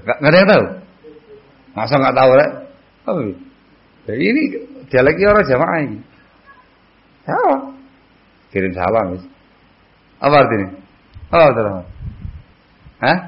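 A man teaching a hadith book in a mosque, chatting with his audience and quizzing them, and chanting the Arabic passages louder. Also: medium pitch, big pitch swings, moderate pace, long pauses, lo-fi sound. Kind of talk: mosque study lecture.

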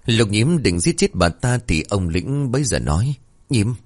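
A man narrating a horror story in a steady, expressive storytelling manner. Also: on the low side, moderate pace.

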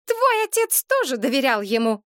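A woman's voice: high voice, sing-song, normal speed, no room sound, studio quality, pitched above the performer's own voice. A woman voicing an anxious, easily upset widowed mother who pleads shrilly and emotionally in an audiobook. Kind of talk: audiobook character reading.

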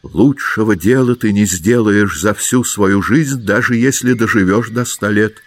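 A man's voice: lowish voice, unhurried. A man voicing a grave, earnest old-school doctor. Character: kindly grave middle-aged man, a doctor. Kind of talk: audiobook character voice.

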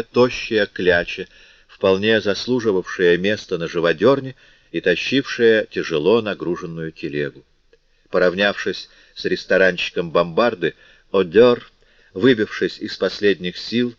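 A very deep-voiced man narrates a classic novel, measured and expressive in his storytelling. The recording is dry and somewhat dull, lo-fi, with no room echo. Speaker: audiobook narrator.

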